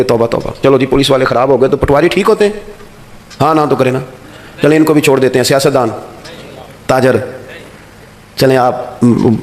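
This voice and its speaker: A man giving an Islamic sermon in a storytelling preacher's manner. His voice climbs high and emphatic on key points and drops softly when he quotes parents and elders.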